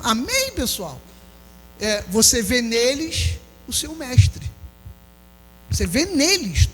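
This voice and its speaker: A Brazilian pastor preaching an impassioned sermon, calling out questions to the congregation. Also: male voice, very high-pitched, a bit bright. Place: church hall. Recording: long hall reverb with faint music.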